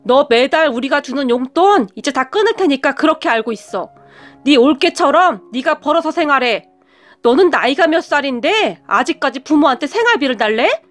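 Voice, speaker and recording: A woman's voice: high-pitched, expressive, normal speed, faint music behind. A woman voicing a stern older father-in-law who scolds in a commanding way. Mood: scolding. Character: stern older father-in-law, gentle but fearsome when angry.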